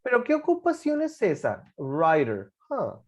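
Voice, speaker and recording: A woman's voice: medium pitch, huge pitch swings, unhurried. A woman teaching an English class, patiently coaxing students with guiding questions and drilling pronunciation by repeating words.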